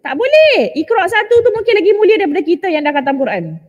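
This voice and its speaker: Woman, high voice, religious lecture, animated storyteller, reverberant hall. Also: rapid-fire. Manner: animated storytelling, mixes in English phrases. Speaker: religious teacher.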